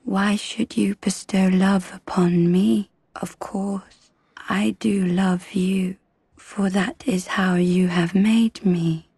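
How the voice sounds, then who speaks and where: A woman voicing a meek, solemn and eerie talking doll in a video game, with a soft breathy voice and formal, measured speech. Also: mid-range voice, fairly even intonation, no echo. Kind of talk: video game character dialogue.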